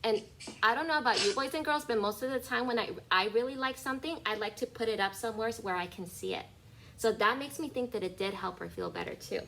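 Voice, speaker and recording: A kindergarten teacher, a woman with a voice on the high side, reads a picture book fast to young children during an online class call. She is expressive and instructive and speaks directly to them; the audio is poor with slight background noise.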